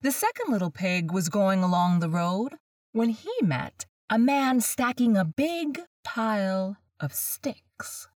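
A woman's voice: medium pitch, lively intonation, a little mellow, no echo, studio quality, recorded from a distance. A woman speaking as a horror host, telling scary stories in an ominous, dramatic, theatrical manner. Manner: slow, ominous, dramatic delivery. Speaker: host of a scary story series.

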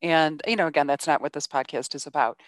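A woman's voice: low voice, fast talker, no echo, studio quality. A woman in her fifties hosting a podcast, telling family stories candidly in casual conversation. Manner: candid, storytelling, filler-heavy. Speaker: podcast host.

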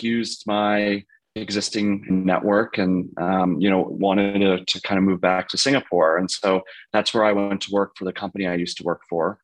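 Hesitant man in his thirties, low voice. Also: low-quality recording. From United States. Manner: hesitant, many fillers like "you know" and "like". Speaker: podcast guest. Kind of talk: casual interview answers.

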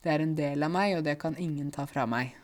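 Woman from rural Norway, language teacher for learners; deep voice, careful and clear with filler sounds. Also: a little mellow.

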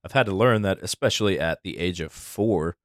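A man's voice: low voice, brisk, dry recording, studio quality. A man co-hosting a casual podcast chat, reflective and earnest, often checking in with "right?".

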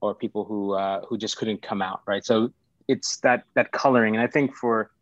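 A middle-aged man from Sri Lanka speaks as a guest on a podcast, his low voice staying flat and even as he stops, restarts and fills gaps with "um." The sound is dull and dry, with little room echo. He talks through his story in a casual, unhurried way. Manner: halting, many restarts and fillers. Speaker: startup founder guest. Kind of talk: casual interview talk.

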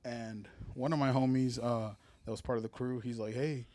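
A man's voice: medium pitch, flat delivery, fairly quick, mellow, slight background noise. A young man telling stories casually in slangy, profanity-heavy street talk. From Anaheim, California. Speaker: rap crew member being interviewed. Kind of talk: casual storytelling.

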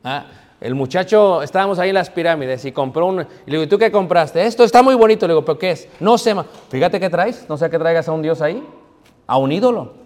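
With lively intonation and a fairly quick pace, a man with a slightly high voice preaches to his congregation. The hall is reverberant, and his sermon mixes storytelling, questions for the audience, and bits of English.

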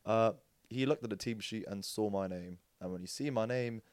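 A young man, a podcast guest telling rugby stories in a casual, animated way. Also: on the low side, normal speed, clean tone, no room sound. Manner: animated storyteller, acts out quotes with jokes and laughs. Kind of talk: casual storytelling chat.

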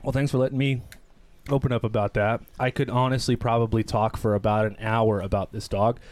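Young male podcast co-host, lowish voice, loose and profane, rambling candid storyteller. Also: little pitch movement, fairly quick, a little mellow, a little hiss or hum. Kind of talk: candid casual podcast chat.

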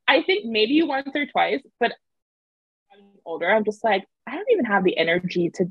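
A woman with a husky, fry-laden voice chats as an interview guest. She is emphatic and conversational, circling back on phrases to stress them. The audio is close and dry but somewhat dull. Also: medium pitch, sing-song, moderate pace, no room sound. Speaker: interview guest, author and video creator.

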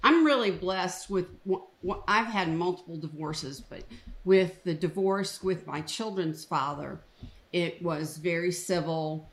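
A woman divorce coach hosting a podcast interview, supportive and quick with short affirmations. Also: on the low side, reverberant.

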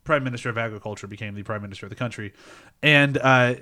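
A man hosting a casual film discussion podcast, relaxed and hesitant, with many fillers. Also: mid-range voice, fast. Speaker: podcast host.

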